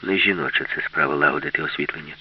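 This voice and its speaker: Calm know-it-all ship robot, a guy doing him, deep husky voice, muffled old radio sound. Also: rapid-fire. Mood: matter-of-fact. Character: calm matter-of-fact male ship robot.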